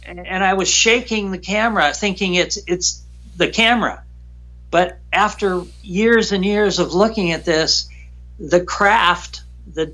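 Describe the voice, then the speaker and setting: A man guest recounting a frightening personal story in an emotional, halting way, often repeating himself. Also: sits high, pushed and bright.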